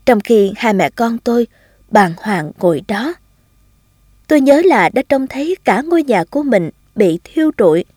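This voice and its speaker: A woman narrating a first-person story in a calm, expressive reading. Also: on the high side, normal speed, no room sound, studio quality.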